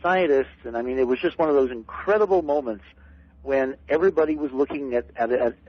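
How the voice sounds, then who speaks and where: Man, middle-aged, radio guest, eager storyteller, husky, dry, lo-fi radio broadcast. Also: medium pitch, quick pace, dry recording. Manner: excited storyteller, repeats words when starting. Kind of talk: late-night radio call-in conversation.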